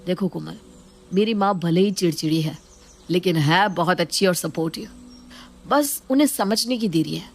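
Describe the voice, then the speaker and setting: A woman voicing a young husband who keeps calming his wife, in a soothing, coaxing way. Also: fairly low pitch, moderate pace. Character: young husband, calm peacemaker son.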